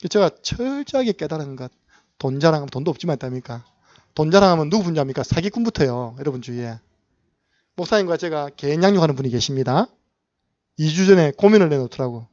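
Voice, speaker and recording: A man's voice: fairly high pitch, a little mellow, no room sound, lo-fi sound. A male pastor preaching a sermon, asking the congregation questions and acting out short dialogues.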